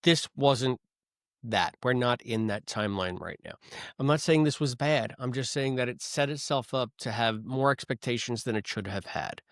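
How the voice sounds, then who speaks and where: A podcast co-host with a mid-range voice speaks at a moderate pace, thinking out loud, musing over questions and reading listener comments in a casual, thoughtful way. The recording is dry and studio quality.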